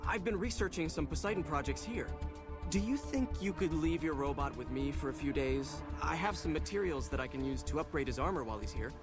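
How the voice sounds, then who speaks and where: A man's voice: fairly high pitch, lively intonation, fairly quick, natural voice. An actor playing a curious male researcher in a video game, speaking earnestly and asking questions, with game music behind. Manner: earnest, inquisitive. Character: curious male researcher eager about a robot.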